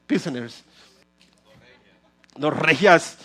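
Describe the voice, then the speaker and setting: A preacher doing a mocking old priest. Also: male voice, a little high, expressive, extremely slow, fairly bright tone, pitched below the performer's own voice, exaggerated voice. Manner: teasing, jokey. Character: mocking old male priest scolding a woman.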